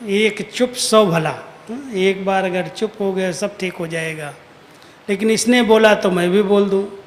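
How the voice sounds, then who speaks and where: High-voiced man preaching slowly in a hall. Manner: earnest, admonishing, with rhetorical quotes. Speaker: spiritual teacher. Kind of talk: spiritual discourse. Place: large hall at a retreat. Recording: echoey hall with faint noise.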